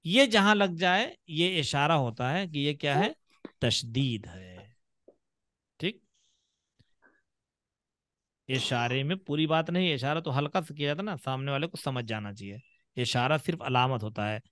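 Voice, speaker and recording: Male online teacher, rather high voice, slow and patient, dry sound. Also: lively intonation, fairly bright tone, dry recording. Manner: patient, drawn-out demonstrations of sounds. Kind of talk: online class teaching Quran reading. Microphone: video call.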